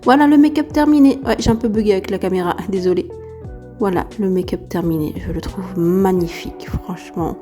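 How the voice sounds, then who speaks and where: A woman vlogger chats enthusiastically through a product review in a soft-edged, mellow voice. It is unsteady and tends to give out, as after a bad cold. Faint music plays behind her. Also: mid-range voice, a little fast. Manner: chatty, enthusiastic, repetitive emphasis. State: recovering from a heavy cold, voice unsteady and giving out. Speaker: beauty vlogger. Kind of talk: casual product review to camera.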